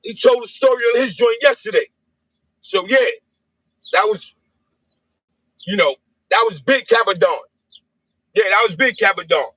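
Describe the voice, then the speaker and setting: A man in a casual livestream chat, taunting in an animated, sing-song way. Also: high-pitched, moderate pace, pauses often, no echo. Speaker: podcast guest. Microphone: phone livestream.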